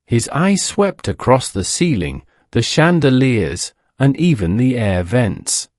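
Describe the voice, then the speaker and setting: Slow, measured male storyteller. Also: mid-range voice, sing-song, a little mellow, no room sound, studio quality. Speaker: narrator. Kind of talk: scripted narration of a detective story.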